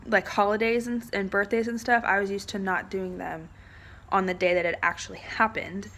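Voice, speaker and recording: A woman's voice: mid-range voice, steady tone, normal speed, fairly bright tone. A young woman vlogging in a casual, rambling way, full of "like" and "um" as she chats to the camera. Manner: rambling, chatty, frequent "like" and "um". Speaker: vlogger, military spouse.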